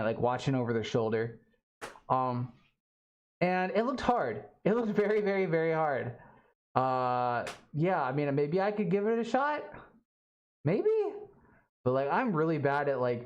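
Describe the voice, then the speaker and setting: Rambling, halting livestream host from Alabama. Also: medium pitch, muffled recording. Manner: halting and rambling, many fillers and restarts. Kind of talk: casual livestream chat. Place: home studio.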